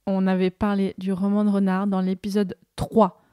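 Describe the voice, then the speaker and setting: A woman hosting a podcast, asking questions and reacting with lively interjections. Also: mid-range voice, normal speed, clean tone, no echo, studio quality. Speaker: podcast host.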